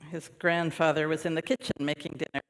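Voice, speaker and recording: A man, a minister, reading a children's story aloud during a service in a gentle storytelling manner with light asides. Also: fairly high pitch, little pitch movement, a little fast. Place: large worship hall. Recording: long reverb of a worship hall.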